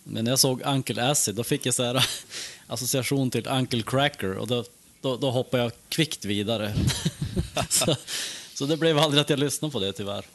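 A man's voice: mid-range voice, fairly bright tone. A man with a mid-range voice joins a casual podcast conversation. He talks in an easygoing way and lets small chuckles fall between his remarks. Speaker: podcast co-host. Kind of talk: casual chat.

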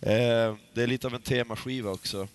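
A man's voice: medium pitch, steady tone, slight background noise. A man co-hosting a casual podcast chat, talking hesitantly with many fillers and restarts. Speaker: podcast co-host.

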